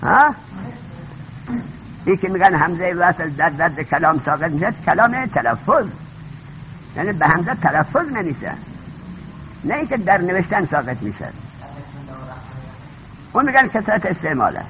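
An older man giving a classroom lecture as a seminary teacher, animated and conversational, mixing anecdotes into the lesson. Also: high-pitched, long pauses, dull audio, a little hiss or hum. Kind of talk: classroom lecture on Arabic grammar.

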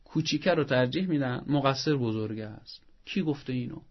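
A man's voice: mid-range voice, animated, husky, highs cut off. A man speaking as a parenting expert, giving earnest advice and acting out parents' scolding. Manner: didactic, earnest, acts out parents' scolding in a raised voice. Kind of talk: advice talk on a show.

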